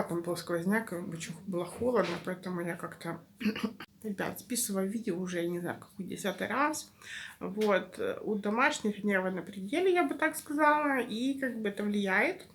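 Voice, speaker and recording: A woman vlogger, chatting casually and confidingly to her followers in a rambling, informal way. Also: mid-range voice. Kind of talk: casual vlog chat to followers. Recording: clear background noise, home-made vlog.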